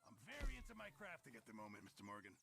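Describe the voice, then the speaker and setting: An actor playing an eager male camp cook in a video game, talking fast and obligingly, with noise behind him. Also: medium pitch, wildly swooping pitch. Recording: clear background noise.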